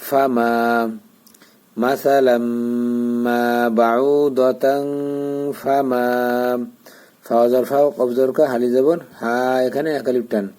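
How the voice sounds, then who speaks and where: A man's voice: medium pitch, level tone, warm tone. A man teaching Quran recitation, patiently spelling out each letter and vowel mark and giving pronunciation pointers. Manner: patient, repeats syllables slowly, gives pronunciation pointers.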